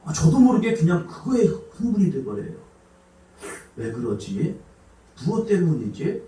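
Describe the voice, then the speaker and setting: A man preaching a sermon as pastor, swinging from loud exhortation to hushed asides. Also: fairly high pitch, very animated, unhurried. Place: church sanctuary. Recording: echoey church hall, mic at a distance.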